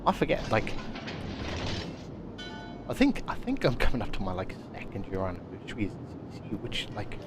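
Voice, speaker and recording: A man's voice: lowish voice, wildly swooping pitch, normal speed, long pauses, background noise. A man streaming a naval combat game, talking casually to his chat, swearing often and repeating words as he thinks aloud. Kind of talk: casual gameplay commentary.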